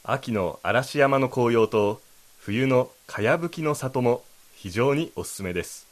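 A man's voice: medium pitch, animated, a little slow. A man co-hosting a language lesson, explaining and rephrasing lines in a polite, explanatory manner. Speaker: co-host.

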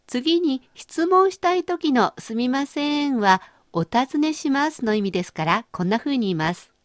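A woman hosting a radio language lesson, explaining phrases clearly and chatting with her co-teacher. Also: high voice, animated, normal speed, dry recording, clean studio sound. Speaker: language course host.

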